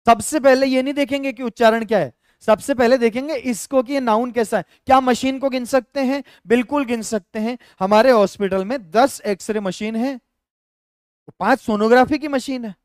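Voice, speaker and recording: A man's voice: very high voice, moderate pace, clear, resonant tone, no echo, clean studio sound. A male teacher with a Rajasthani Hindi accent, explaining grammar step by step in a live online lesson and talking to viewers as friends.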